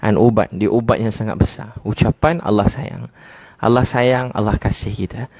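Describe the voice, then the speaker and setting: Delivering a funny sermon to a congregation, this middle-aged Malaysian Malay-accented man narrates stories animatedly and chants certain phrases slowly, almost singing them. His pitch is fairly low and steady, slightly mellow, and the recording has no room sound.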